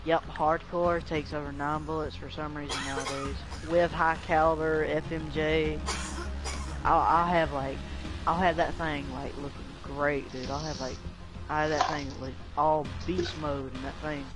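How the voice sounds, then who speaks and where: A young man chatting casually while gaming, animated and slangy, complaining heatedly into a headset. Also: on the high side, normal speed, rough recording. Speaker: gamer. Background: game music and sounds.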